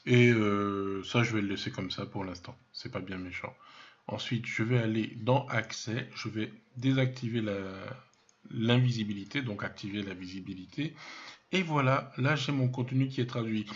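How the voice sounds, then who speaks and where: Man giving a halting software tutorial. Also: on the low side, muffled recording. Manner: hesitant, many fillers and restarts, thinks aloud while clicking; self-mocking asides. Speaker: web development trainer. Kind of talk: screen-recorded software tutorial.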